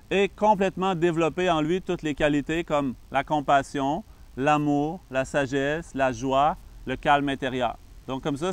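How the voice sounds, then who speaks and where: Calm and patient, a Canadian Buddhist monk with a Québécois French accent introduces meditation, leaving frequent pauses. His voice sits on the high side with a clean tone and no echo.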